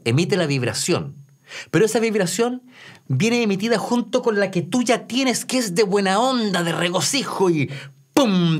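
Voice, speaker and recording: A man, a vocal coach giving casual commentary and singing syllables to demonstrate. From Chile. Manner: breaks into sung syllables and falsetto demonstrations. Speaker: vocal coach reacting to singers.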